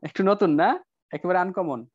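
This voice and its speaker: A male English teacher giving an online class lecture, coaxing students with rhetorical questions and slowing down to spell out example sentences. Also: high-pitched, slightly rough, no echo. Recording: dull lo-fi online class audio.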